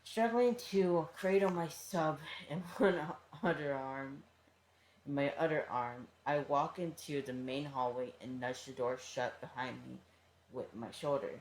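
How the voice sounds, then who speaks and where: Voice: medium pitch, a little slow. A fan reading a first-person fanfiction aloud in a casual style, often tripping over words and breaking off for offhand asides. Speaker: fanfiction reader. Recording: roomy with faint background noise.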